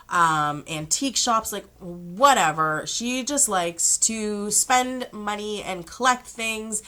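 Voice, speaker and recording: A young woman with a sick, slightly rough voice, chatting casually to her channel with rambling asides and throat-clearing. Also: mid-range voice, pushed and bright. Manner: chatty, rambling, self-amused. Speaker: vlogger. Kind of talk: casual chat.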